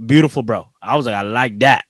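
A young man, chatting casually and telling animated, slangy anecdotes with a giggly streak. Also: medium pitch, fast talker, husky, no echo, clean studio sound. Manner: slangy, says bro often, giggly storyteller.

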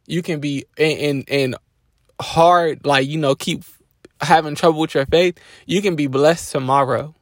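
A man hosting a podcast, giving a casual faith-based motivational talk with a relaxed, preachy delivery and frequent restarts. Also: a little high, a little slow, dry recording, studio quality. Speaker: podcast host.

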